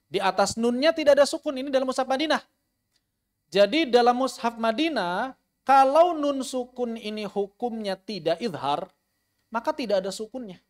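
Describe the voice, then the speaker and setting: High-voiced man teaching tajweed. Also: normal speed. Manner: explains patiently, repeats key terms, demonstrates recitation. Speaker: Quran recitation teacher. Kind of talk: online tajweed lesson.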